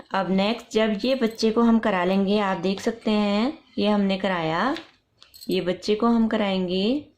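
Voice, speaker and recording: A woman teaching young children's letter sounds step by step for parents, repeating each sound slowly. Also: mid-range voice. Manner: slow, repetitive, drawn-out letter sounds. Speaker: nursery teacher.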